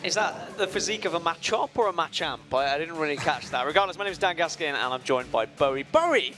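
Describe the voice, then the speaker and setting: Guy casting esports, talks fast, bit high voiced, music playing behind. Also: lively intonation, sharp tone. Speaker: esports caster. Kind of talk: conversational live commentary.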